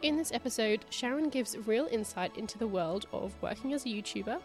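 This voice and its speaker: A woman's voice: on the high side, expressive, fairly quick, faint music behind. A woman hosting a podcast, reading a scripted intro and asking interview questions, her voice nasal from a cold. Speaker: podcast host.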